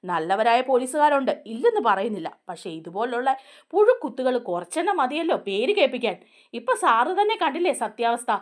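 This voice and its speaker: A woman voicing a firm, protective young wife who explains herself earnestly, in a lively voice. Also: high voice, brisk. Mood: earnest, defending.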